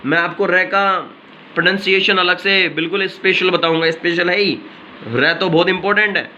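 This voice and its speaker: A man's voice: high voice, steady tone, normal speed, pushed and bright, lo-fi sound, a little hiss or hum. A man teaching English pronunciation with an Indian English accent, explaining step by step and repeating each word, switching between Hindi and English. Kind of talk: pronunciation lesson.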